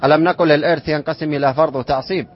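A man teaching an Islamic inheritance lesson to students, reciting verse lines slowly and then explaining them and quizzing the class. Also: on the high side, steady tone. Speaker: sheikh teaching inheritance law. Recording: dull lo-fi classroom recording.

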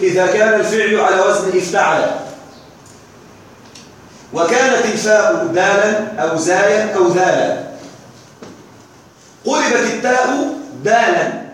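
A man teaching a grammar class, sounding out letters slowly and often checking that his students are following. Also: sits high, fairly bright tone, a little hiss or hum. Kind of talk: classroom lecture on Arabic grammar. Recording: echoey classroom.

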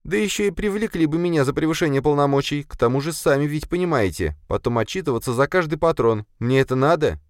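A man voicing a young female investigator who keeps calm and argues back. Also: fairly high pitch, fast, few pauses, no echo, clean studio sound, pitched above the performer's own voice, natural voice. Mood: calm, indignant. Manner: calm, controlled, indignant.

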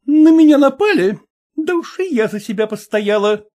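A haughty, spiteful lady makes cutting, sarcastic remarks in a high voice, as an actress voices her in an audiobook. Her tone is dark and mellow, and her pitch moves a lot. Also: expressive, normal speed. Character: haughty, spiteful woman visitor. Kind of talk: audiobook character reading.

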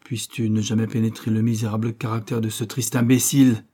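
A man voicing a grave, bitter middle-aged banker father in an audiobook, speaking low and hushed. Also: little pitch movement, quick pace, natural voice. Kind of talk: audiobook character reading.

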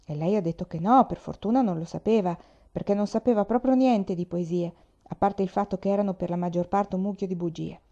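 Woman doing a timid young boy, plaintive, pleading, mellow tone, dull lo-fi sound, storybook reading. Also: mid-range voice, brisk, close to an everyday voice. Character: sensitive dreamy young boy, fearful of pain.

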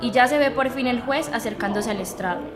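A woman narrating an audio story in a measured, dramatic reading style. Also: fairly high pitch, a crowd in the background.

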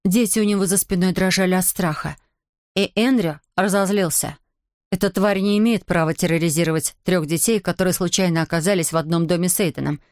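Low-voiced woman narrating a story. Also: a little fast, darkish tone, no echo, clean studio sound. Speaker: audiobook narrator. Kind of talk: scripted narration.

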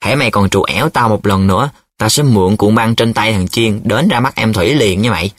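A man's voice: on the low side, brisk, dry recording, clean studio sound, lightly acted. A man playing Mẫn, a flustered young student. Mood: defensive. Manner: hesitant, defensive. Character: flustered, secretive young male student in love.

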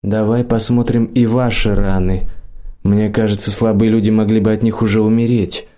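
Old desert wizard, slow and curt, lowish voice, a guy reading him. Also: flat delivery, mellow, close to an everyday voice. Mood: measured. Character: old desert mage, dry and wary.

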